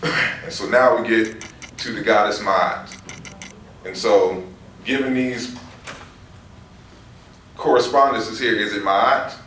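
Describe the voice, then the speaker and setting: A man lectures in a low voice, working through long lists of words one at a time. He is heard from some distance in a roomy, echoing space. A faint hiss sits under the recording. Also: a bit bright. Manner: explains by reading out word lists. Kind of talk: lecture on word roots. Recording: roomy echo from far off, faint noise.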